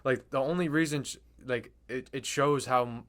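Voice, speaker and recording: A man in his twenties, a podcast guest, recapping a show in a relaxed, halting way. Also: mid-range voice. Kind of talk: casual chat.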